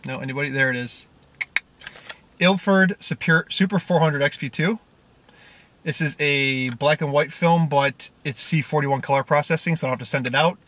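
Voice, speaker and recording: A man's voice: on the high side, normal speed, a bit bright. A man in his thirties chatting to camera as a vlogger inside a car, loose and rambling. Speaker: film photography vlogger. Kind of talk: casual chat to camera. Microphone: camera mic at arm's length.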